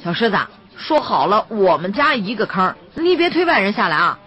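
A man's voice: high voice, very animated, normal speed, bright, forceful tone, slightly rough, highs cut off, full character voice. A woman voicing a stubborn, proud village man facing death, speaking grimly and without yielding, in an audiobook reading. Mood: stern. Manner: grim, unbending.

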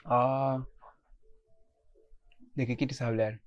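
A man's voice: medium pitch, little pitch movement, drawn-out words, lo-fi sound. A young man with a Rioplatense Argentine accent giving casual reaction commentary, shrieking, laughing and talking straight to the characters on screen. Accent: Rioplatense Spanish. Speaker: reaction vlogger. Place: home room, series audio playing behind.

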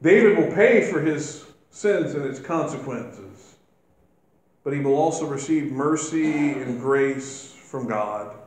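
A male minister preaches at an unhurried, measured pace. His voice rings through a very echoey church sanctuary, and it lifts with emphasis when he quotes scripture. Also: mid-range voice. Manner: slow, deliberate preaching with emphatic rises when quoting scripture. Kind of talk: sermon.

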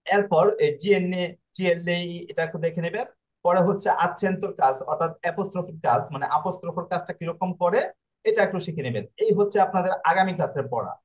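A man's voice: high-pitched, expressive, fast talker. A man teaching Italian pronunciation in an online class. He explains in a repetitive way and keeps checking with his students.

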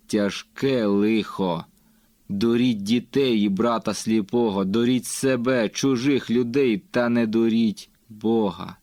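Guy hosting a language show, reads poems slow and grand, dry close sound. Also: mid-range voice, dry recording. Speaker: host. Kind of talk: poetry recitation and program hosting.

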